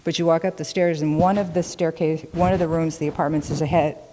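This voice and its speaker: Low-pitched woman, informal fireside storyteller, rambling and descriptive, reverberant hall. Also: fairly even intonation, fast, background noise. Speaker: host of a ghost story talk.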